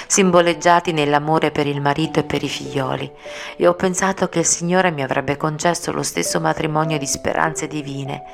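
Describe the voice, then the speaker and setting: A frail, gentle young woman in an audiobook speaks softly with quiet, resigned tenderness, as a woman narrator reads her part. The voice is low and slightly gravelly. Music plays clearly behind her. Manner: soft, slow, tender speech.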